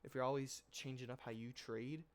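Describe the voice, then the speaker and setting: A trading channel host with a cold-stuffed nose recaps his trades over a casual screen share, speaking briskly in a mid-range voice with fairly even intonation. His talk is loose, rambling and slangy, keeps correcting itself, and includes mild swearing.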